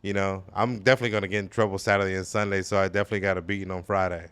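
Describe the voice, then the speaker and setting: A man from El Salvador, a podcast guest, talking reflectively about his upbringing with many pauses and fillers. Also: sits low, little pitch movement, a bit bright, clean tone, dry recording. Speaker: podcast guest, business owner. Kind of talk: casual conversational interview. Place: gallery space.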